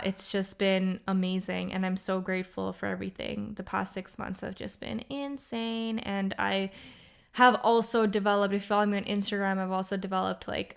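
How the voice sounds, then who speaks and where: A woman's voice: mid-range voice, vocal fry, clean tone. A young woman hosting her own podcast, talking casually and rambling with many fillers, a little tired. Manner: rambling, upbeat, lots of fillers. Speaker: podcast host. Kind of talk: casual solo podcast monologue.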